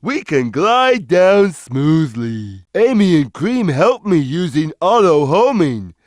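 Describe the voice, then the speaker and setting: A man voicing a big, gentle, simple-minded cartoon cat who explains things slowly and plainly, as a video game character. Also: fairly high pitch, sing-song, no room sound, studio quality. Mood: friendly, earnest. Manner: slow, simple, deliberate instructional delivery. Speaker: video game character giving tutorial hints. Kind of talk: scripted game tutorial voice lines.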